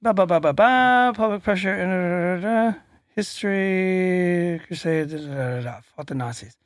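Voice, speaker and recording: Co-host, man in his 40s, high voice, dry close mic, steady delivery reading from notes. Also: normal speed, dry recording. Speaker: podcast co-host. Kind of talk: casual chat.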